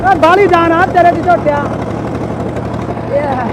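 A man bantering loudly and teasingly outdoors on a farm beside tractors. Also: extremely high pitch, measured pace, heavy background noise. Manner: loud, boisterous, teasing. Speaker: comic prankster. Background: music.

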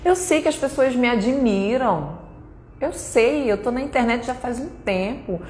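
A woman's voice: a little high, expressive, unhurried, darkish tone. A woman in her thirties with a Brazilian accent, giving a blunt, emphatic and repetitive motivational talk at a conference. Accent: Brazilian Portuguese. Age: 30s. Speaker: conference speaker. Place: conference hall. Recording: echoey hall, faint noise.

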